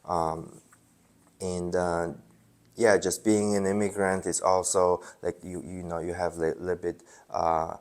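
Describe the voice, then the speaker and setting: Very low-voiced man with a mixed Polish-Mongolian accent. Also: little pitch movement, unhurried, smooth. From Poland. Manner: hesitant, many fillers and restarts. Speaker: self-help video host. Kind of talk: casual unscripted monologue.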